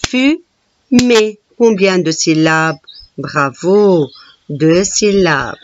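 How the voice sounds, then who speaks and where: A woman teaching a reading lesson, slowly splitting words into syllables and patiently counting letters with her pupils. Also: deep voice, lively intonation, dull audio, a little hiss or hum.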